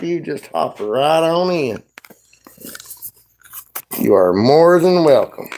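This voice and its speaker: A man's voice: sits high, a little hiss or hum. A man from Northeast Tennessee with a thick Appalachian accent, chatting casually and folksily as he hosts a livestream. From Northeast Tennessee, USA. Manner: folksy, informal rural grammar. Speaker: livestream host and woodworking maker. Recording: roomy, echoey indoor sound.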